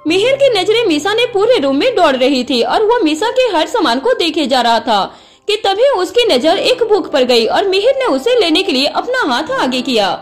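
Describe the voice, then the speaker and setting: A woman narrating a scripted romance story, voicing each character's lines with expressive shifts in tone. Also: very high-pitched, normal speed, faint music behind.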